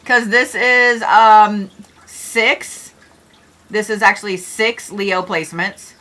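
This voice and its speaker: A woman's voice: medium pitch, fairly even intonation, slow, bright, forceful tone. A middle-aged woman hosting an astrology livestream, chatting casually and joking with viewers, with the odd swear word.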